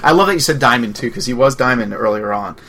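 A man's voice: mid-range voice, animated, fast, a crowd in the background. A man co-hosting a radio show, casually telling a rambling story full of fillers and swearing.

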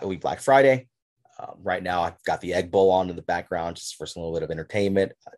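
A man hosting a casual sports podcast, talking loosely and sarcastically, with frequent restarts. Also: deep voice. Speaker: podcast host. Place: at home with a game on TV.

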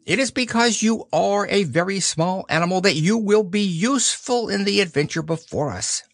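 A man voicing a bossy, self-important male rabbit who reads out his plan briskly. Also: high voice, animated, dry recording, clean studio sound, pitched above the performer's own voice. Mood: solemn.

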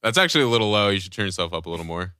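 A man's voice: deep voice, expressive, very fast, pushed and bright, slight background noise. A man co-hosting a casual podcast, joking around, swearing and calling everyone dude. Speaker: podcast co-host.

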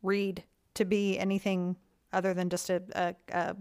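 A woman's voice: medium pitch, little pitch movement, normal speed, darkish tone, smooth. A woman in a casual film discussion, talking in an enthusiastic, upbeat way.

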